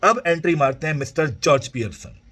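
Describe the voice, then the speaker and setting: A male English teacher explaining a play to students, retelling it in an animated way and mixing languages. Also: on the high side, brisk, husky. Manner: animated storytelling, mixes Hindi and English.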